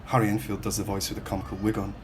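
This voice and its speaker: A man from Hull reads his own prose aloud in a measured, questioning way. His voice sits low and stays flat and even. A steady hiss of background noise runs under the recording. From Hull, England. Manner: measured, reflective, questioning delivery. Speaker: writer reading his own work. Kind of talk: literary reading in the second person.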